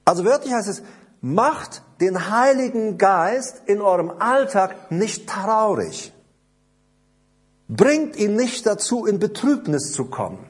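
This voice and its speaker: Husky-voiced man preaching slowly. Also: high voice, big pitch swings. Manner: slow, emphatic, deliberate preaching. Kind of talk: sermon.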